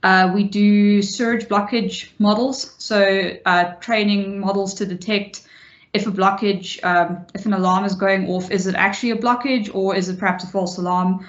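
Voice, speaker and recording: A young woman in her twenties walks through her career on a panel in a fluent, matter-of-fact way. Her mid-pitched voice comes through a dull, lo-fi video call and rings in an echoey room. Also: steady tone, moderate pace.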